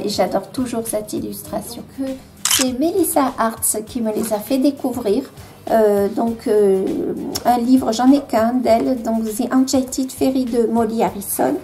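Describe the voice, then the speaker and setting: A woman with a French accent and a fairly high, mellow voice talks through her coloring books at home. She hesitates often and pokes fun at her own work, while soft music plays quietly behind her. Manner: hesitant, many fillers, self-deprecating. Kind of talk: casual show-and-tell.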